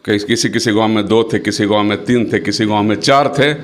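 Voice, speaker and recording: A middle-aged man, a local politician, speaking forcefully to the press and repeating phrases for emphasis. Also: lowish voice, steady tone, brisk. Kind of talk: impassioned political speech to press.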